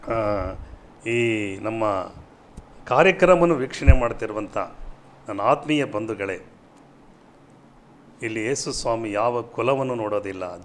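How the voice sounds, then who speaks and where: A man with a Kannada accent, a pastor on a TV programme, teaching from the Bible and answering viewer questions with rising fervour. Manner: fervent, rises in pitch and volume when quoting scripture.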